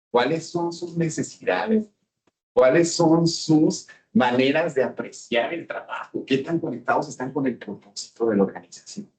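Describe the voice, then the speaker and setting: This is a man with a mid-range voice and a Mexican Spanish accent, presenting at a business seminar. He engages his listeners by often asking them questions. The recording quality is rough.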